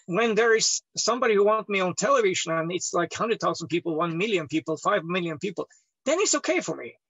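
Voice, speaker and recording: The healer, from Northern Scandinavia, gives a rambling interview while lying down indoors, mic placed away from his head. Husky and captured in lo-fi sound, he speaks loudly in broken English, veering between deep and high pitches.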